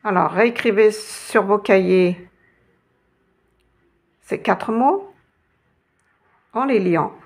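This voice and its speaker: A woman's voice: medium pitch, takes it slowly, long pauses. A woman teaching a lesson, patiently guiding learners step by step and spelling out letters. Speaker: Arabic teacher.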